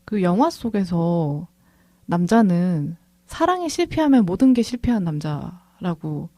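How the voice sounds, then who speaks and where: A woman co-hosting a podcast, calmly retelling a conversation as she discusses a film. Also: fairly low pitch, unhurried, dry recording. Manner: thoughtful, retells a conversation at length. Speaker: podcast co-host, film director.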